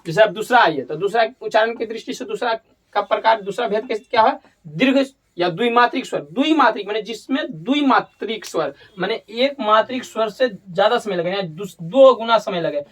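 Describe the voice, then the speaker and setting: A man's voice: sits high, lively intonation, a little fast, fairly bright tone, recorded from a distance. A man teaching a grammar lesson, explaining step by step, repeating himself and correcting slips as he goes. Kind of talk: classroom-style grammar lesson. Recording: voice from away from the mic.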